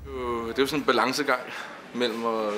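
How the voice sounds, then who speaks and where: A man's voice: medium pitch, level tone, crowd noise. A man, an actor, talks thoughtfully about his role in an interview, with hesitant fillers. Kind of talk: reflective interview talk. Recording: noisy background.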